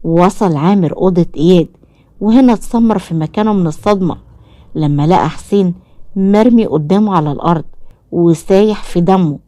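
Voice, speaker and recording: A woman with an Egyptian accent narrates a dramatic story. Her voice sits on the low side and her delivery is scripted storytelling. The recording is dry and close. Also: fairly quick, warm tone, dry recording. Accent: Egyptian Arabic.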